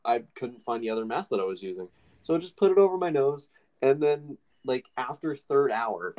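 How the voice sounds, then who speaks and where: A man's voice: medium pitch, expressive, a little fast, a little mellow, rough recording. A young man casually telling a long story with many fillers on a podcast. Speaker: podcast co-host.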